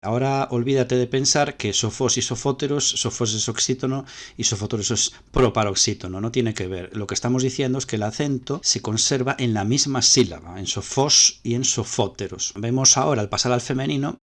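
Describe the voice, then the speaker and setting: A man's voice: medium pitch, brisk. A man with a Spanish accent teaching ancient Greek grammar step by step, repeating key points as he explains slides.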